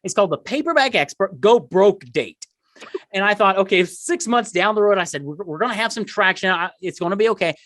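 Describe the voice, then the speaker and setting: Animated middle-aged man telling stories. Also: high-pitched, brisk, no echo. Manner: emphatic, self-deprecating, repeats words for emphasis. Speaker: podcast guest, marketing entrepreneur. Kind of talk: conversational interview storytelling.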